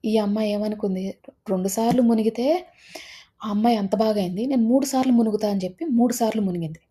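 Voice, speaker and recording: A woman telling a folk tale, retelling it in a lively way and putting on voices for the characters. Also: mid-range voice, fast, breathy edge. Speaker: storyteller.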